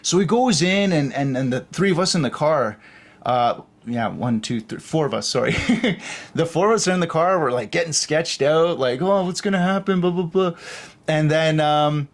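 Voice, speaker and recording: A man's voice: on the high side, lively intonation, normal speed. A young man from Canada telling a story in a casual, rambling way, full of fillers and acted-out quotes. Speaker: podcast host.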